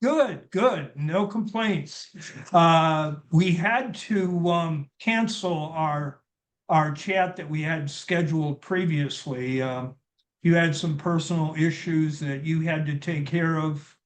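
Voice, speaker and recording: Slow-talking man hosting a video call. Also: a little high. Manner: halting, many fillers and restarts. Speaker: interview host. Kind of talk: casual video-call interview.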